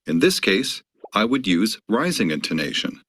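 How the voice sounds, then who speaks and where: A man giving scripted instructional narration on grammar, measured and explanatory, acting out the example sentences. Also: fairly low pitch, very animated, fairly bright tone, slightly rough.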